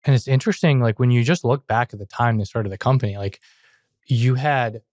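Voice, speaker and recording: A man's voice: mid-range voice, brisk, darkish tone, dry recording, muffled recording. A young man hosting a podcast, chatting and asking questions in a casual, talkative way. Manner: chatty, questioning, uses "like" often. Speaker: podcast host.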